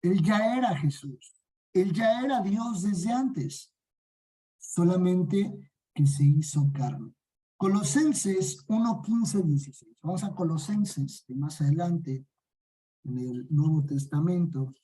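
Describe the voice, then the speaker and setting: A man's voice: high voice, animated, slow, warm tone, slightly rough, poor audio. A man with a Mexican accent teaching a Bible lesson, often asking a question and then answering it himself. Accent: Mexican Spanish. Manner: asks and answers his own questions. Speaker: discipleship teacher.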